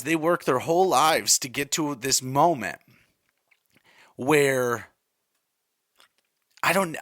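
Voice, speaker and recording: A man's voice: medium pitch, fairly bright tone, no room sound. Rambling thirty-something man, dry close sound. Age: 30s. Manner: rambling, conversational, repeats himself, many fillers. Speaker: podcast host. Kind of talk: casual solo podcast chat.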